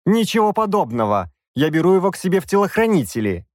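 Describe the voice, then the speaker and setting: A headstrong young princess, as a male narrator puts her on, her commanding voice lifted high and swinging freely. She barks demands and cuts others off in a dry, close studio sound. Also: sing-song, normal speed, no echo. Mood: imperious. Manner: demanding, sharp retorts.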